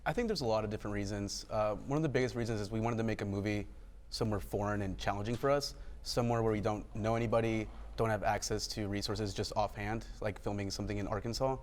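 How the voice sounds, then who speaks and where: A man's voice: on the low side, steady tone, quick pace. A man, a film director, talking conversationally as a guest in a TV interview.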